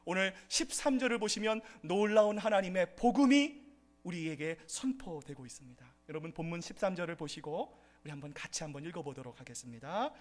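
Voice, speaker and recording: A man preaching a sermon as pastor at a church service, addressing the congregation and rising into impassioned outbursts. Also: fairly high pitch.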